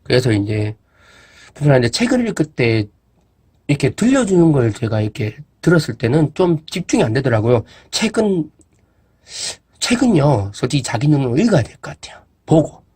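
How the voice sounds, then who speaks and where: In this laid-back product demo vlog, a reviewer with a husky, medium-pitched voice talks at a moderate pace while showing off an e-reader. He chats and muses aloud, sprinkling in fillers and asides.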